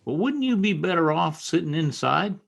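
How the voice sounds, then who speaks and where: The deputy role, loyal and anxious, comes through a folksy country drawl and deferential manner in this radio western. Here the male voice runs on the high side and creaky, with lively intonation and a moderate pace.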